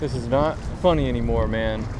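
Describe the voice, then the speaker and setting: A young man giving casual, excitable fishing commentary in slangy, exclamatory phrases. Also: medium pitch, fairly quick. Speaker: fishing vlogger. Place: outdoors on a rocky jetty by the water. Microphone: action camera worn on the body. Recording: noisy outdoor action camera by water.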